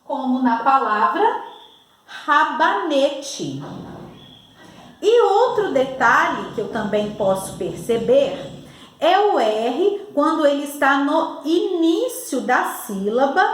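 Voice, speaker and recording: A Brazilian woman teaching young children to spell, slow and over-enunciating as she talks straight to the child. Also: high-pitched. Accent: Brazilian Portuguese. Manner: patient, over-enunciating, addresses the child directly. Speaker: primary school teacher. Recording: echoey room.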